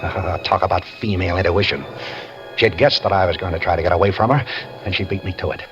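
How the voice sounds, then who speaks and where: Over soft background music, a deep-voiced actor with a fairly bright tone talks fast as a handcuffed escaped prisoner who is wary and scheming. His first-person narration is wry and tense in 1940s radio style, and the recording is a dull old broadcast.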